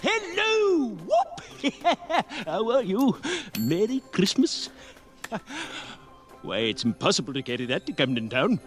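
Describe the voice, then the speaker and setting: An actor playing a giddy, reformed old miser who cackles and giggles breathlessly in a film. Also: male voice, high-pitched, wildly swooping pitch, slow, music in the background, full character voice. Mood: elated. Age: older. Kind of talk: film acting. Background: film score.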